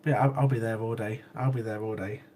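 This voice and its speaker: This livestream host, sniffling from a cold, chats casually with viewers, laughing easily and often saying things twice. He is a fast talker with a lowish, slightly mellow voice and fairly even intonation. A little hiss or hum sits under the audio.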